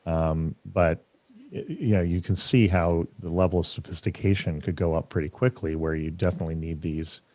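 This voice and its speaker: A man hosting a casual livestream discussion, rambling with many fillers and restarts, his voice deep from having just woken up. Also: moderate pace, a little mellow, no room sound. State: just woke up, deep morning voice. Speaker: summit host.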